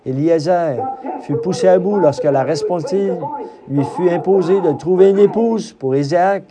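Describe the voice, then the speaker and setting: A man's voice: high voice, moderate pace. A man preaching a sermon with emphatic delivery, rising to cries on key phrases. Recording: crowd audible behind.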